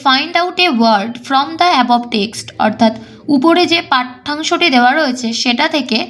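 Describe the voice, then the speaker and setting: High-voiced woman teaching English. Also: a bit bright. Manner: reads English lines slowly, then explains briskly. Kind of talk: exam-prep lesson.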